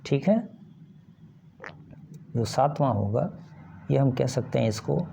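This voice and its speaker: Guy teaching slowly, gravelly low-key voice, bit of hiss behind. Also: animated, mellow. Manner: slow and deliberate, with fillers. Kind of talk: explanatory lecture.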